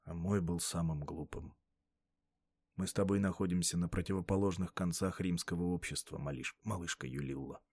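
A man reading an audiobook, voicing a brooding, dismissive young Roman man in a low, quiet voice. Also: moderate pace, slightly rough, dry recording. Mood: weary. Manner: low, quiet, curt delivery.

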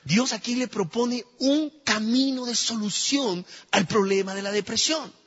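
Male pastor, high lively voice with a husky edge, preaching in a reverberant church; dull recording. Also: unhurried. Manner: animated storytelling, rising to shouts at the climax. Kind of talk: sermon. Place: church hall.

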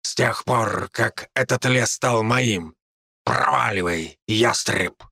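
Brief: mocking raven-druid, gravelly and crisp, drawling taunts, a male narrator's put-on voice, audiobook. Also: mid-range voice, bright, forceful tone, no echo, studio quality, full character voice. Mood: scornful. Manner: slow, scornful, taunting.

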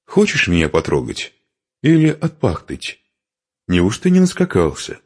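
A man voicing a mocking, quarrelsome young Norse warrior woman in an audiobook, with a husky, sharp-tongued voice. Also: low-pitched, huge pitch swings, measured pace, voice pushed up, exaggerated voice.

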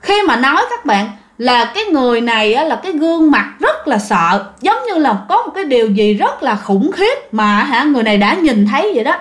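A woman narrates a ghost story in a casual, chatty manner. Her voice sits high, and she keeps turning to address her listeners directly. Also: sing-song, a little fast, hardly any pauses.

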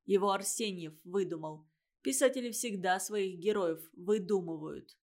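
A woman's voice: medium pitch, moderate pace, darkish tone, natural voice. A woman reading a story aloud and giving a condescending schoolboy his lines in a lecturing tone. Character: know-it-all schoolboy, condescending and boastful.

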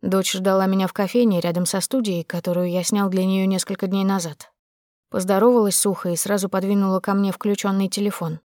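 A woman's voice: medium pitch, level tone, fairly quick, a little mellow, no echo, studio quality. Woman reading an audiobook, restrained. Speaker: audiobook narrator. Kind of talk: scripted first-person narration.

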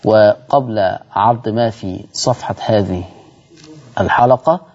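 A man's voice: fairly low pitch, a little slow, a little mellow, breathy edge, highs cut off. A man with an Egyptian accent hosting a televised Quran recitation lesson, explaining step by step, repeating key points and asking viewers rhetorical questions. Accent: Egyptian Arabic. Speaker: Quran recitation teacher and show host.

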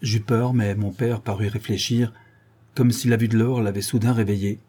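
A man narrates an audiobook at a steady, measured pace. His voice sits low and dark, with a husky grain in it. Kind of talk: scripted narration.

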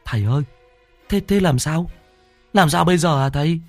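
A man's voice: on the high side, moderate pace, no echo, faint music behind, voice pushed up. A man voicing a timid young male apprentice who stammers with fear. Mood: frightened. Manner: fearful, stammering.

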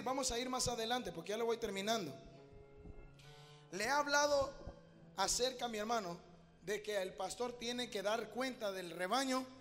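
A man preaching a sermon as pastor in a church, animated, acting out little dialogues with God. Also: extremely high pitch, long reverb tail.

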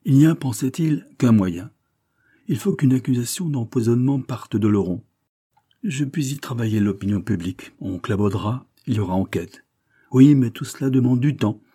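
Male reader's commanding detective chief, brisk, husky. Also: medium pitch, expressive, warm tone.

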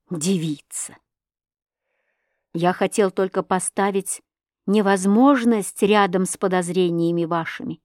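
A woman's voice: on the low side, no room sound, studio quality. A woman voicing a furious accusing husband. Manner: shouting, sharp and accusing. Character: jealous stern husband accusing a young girl. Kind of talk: audiobook reading of a classic novel.

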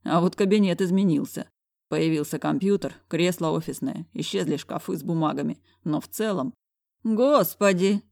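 A woman reading a first-person audiobook narration in a wry, even storytelling manner. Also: low voice, brisk, vocal fry, dry recording, studio quality.

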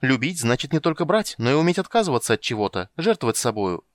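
A man voicing a vain, shrill female sea siren who talks in a sing-song, indignant way. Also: very animated, fast talker, no room sound, clean studio sound, natural voice.

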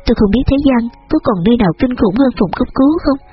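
A man reading a first-person story aloud as an audiobook narrator, with an even, emotive delivery. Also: very high-pitched, quick pace, breathy edge. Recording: slightly dull audio with soft guitar music.

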